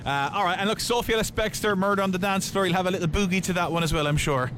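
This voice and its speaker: A man hosts a breakfast radio show from a studio, chatting and joking while giving away tickets. His voice sits high and he talks very fast, with some background noise.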